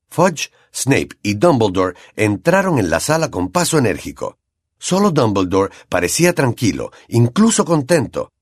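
Expressive male audiobook narrator. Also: mid-range voice, no echo, clean studio sound. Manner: expressive storytelling. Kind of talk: scripted narration.

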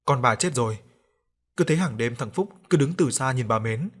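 A man's voice: medium pitch, expressive, normal speed, breathy edge. A man narrating a ghost story in a scripted storytelling style, sometimes raising his voice to act out a grieving mother's pleading. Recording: faint music underneath.

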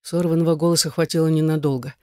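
An audiobook narrator with a mid-pitched voice, reading in a measured, dramatic way. The sound is dry and close. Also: steady tone, mellow, dry recording.

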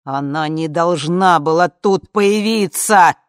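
A woman voicing a tense dead husband who insists and shouts in a storybook. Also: low voice, normal speed, dry recording, clean studio sound, lightly acted. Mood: insistent.

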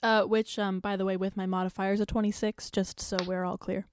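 A woman's voice: mid-range voice, level tone, fairly quick, smooth. A woman playing a tabletop role-playing game casually, with a playful, self-deprecating manner. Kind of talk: casual improvised tabletop play.

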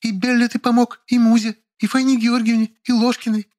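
Male reader as a shrill, self-pitying drama queen in an audiobook, very high and whiny. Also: level tone, a little fast, a little mellow. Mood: demanding. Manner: shrill, melodramatic, whiny pleading. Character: theatrical manipulative woman, self-pitying and demanding. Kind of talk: audiobook character voice.

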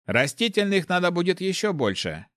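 A man voicing a grumpy, hard-drinking male paladin who is quick to anger, in a storybook reading. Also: sits high, big pitch swings, a bit bright, dry recording, clean studio sound, pitched above the performer's own voice. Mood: grumbling.

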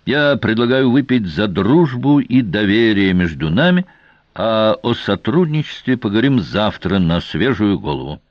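A man's voice: fairly low pitch, very animated, normal speed, no echo. A man voicing a scheming male commander who talks in a jovial, conciliatory way, in a dry, slightly dull audiobook recording. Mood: hearty. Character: scheming adult male commander, genial host.

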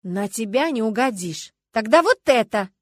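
Woman voicing a loud pushy young woman friend. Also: fairly high pitch, lively intonation, moderate pace, no echo. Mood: excited, scolding. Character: brash bossy adventurous young woman friend.

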